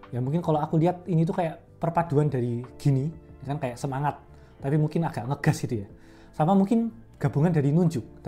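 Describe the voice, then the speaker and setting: A woman's voice: lowish voice, mellow. A young woman in a casual educational vlog, coaching public speaking in a chatty, step-by-step way. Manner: chatty and conversational, explains step by step.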